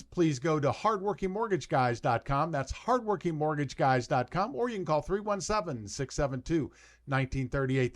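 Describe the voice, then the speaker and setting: An older man hosting a casual real estate interview, friendly and a bit stumbling. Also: a little high. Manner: friendly, stumbling over words. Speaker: podcast host, mortgage lender.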